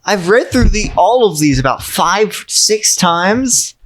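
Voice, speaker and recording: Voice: mid-range voice, lively intonation, slow pace, a bit bright, pitched above the performer's own voice. A tabletop player voicing a weary teenage boy stuck in a hospital waiting room, glum and rambling in character. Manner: glum, rambling, self-deprecating. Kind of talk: tabletop role-play in character.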